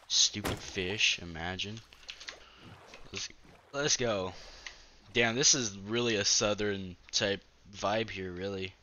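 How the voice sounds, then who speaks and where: A man giving casual gameplay commentary as host of his own gaming channel, excitable and profane, trash-talking and breaking into sudden yelps. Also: on the low side, slow, long pauses, dull audio, a little hiss or hum.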